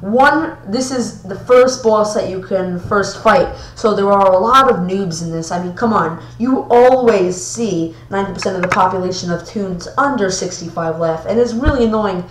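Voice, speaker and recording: A woman talks through a ranked gaming list in an easygoing, rambling way, often stumbling and restarting her sentences. Her voice sits at an ordinary middle pitch. The room around her rings with noticeable echo. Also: normal speed, few pauses, a little hiss or hum. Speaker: gaming video host. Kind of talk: casual ranked-list commentary.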